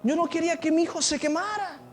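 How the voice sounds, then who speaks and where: A man's voice: very high-pitched, fast, pitched above the performer's own voice. A man acting out a worried, loving mother in an anxious, pleading voice. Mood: anxious tender. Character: worried loving mother, middle-aged woman. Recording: reverberant hall with faint music.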